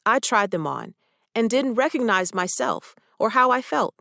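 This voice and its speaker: A woman's voice: a little high, animated, normal speed, gravelly, a bit bright, no echo, clean studio sound. A woman reading her own personal essay aloud, with reflective, wry storytelling.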